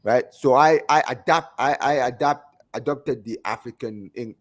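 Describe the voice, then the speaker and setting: A fan call-in show host with a heavy Gambian English accent chats at a normal pace in a mid-range voice. He's lively and repetitive, regularly checking in with "you understand what I'm saying?"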